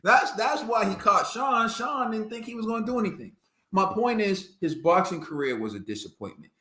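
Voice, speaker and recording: A man's voice: high voice, animated, moderate pace, pushed and bright. A man co-hosting a podcast, giving emphatic casual boxing commentary and laughing often. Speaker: podcast co-host. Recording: roomy echo.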